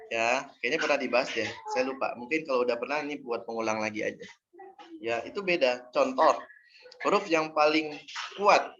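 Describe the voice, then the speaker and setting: A man teaching Quran recitation in an online class, patiently explaining and drilling syllables aloud. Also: mid-range voice. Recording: dull audio with faint noise.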